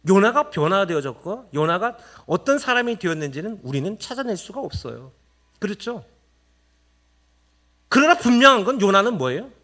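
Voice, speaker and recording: A male pastor preaching a sermon in a church, animated and firing rhetorical questions at the congregation. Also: sits high, moderate pace. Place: church sanctuary.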